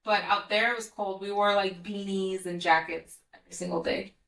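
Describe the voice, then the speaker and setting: A woman's voice: medium pitch, fairly even intonation, moderate pace, fairly bright tone, recorded from a distance. A young woman chatting casually and telling stories about a trip, with lots of filler words. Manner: chatty, full of "like" fillers, storytelling. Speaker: podcast co-host. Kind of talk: casual chat. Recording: roomy sound from away from the mic.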